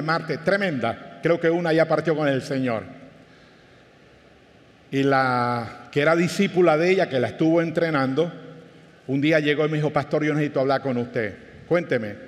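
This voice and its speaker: A man's voice: medium pitch, in a large hall. A man with a Panamanian Spanish accent, a pastor preaching a sermon in a conversational way, with anecdotes and questions to the congregation.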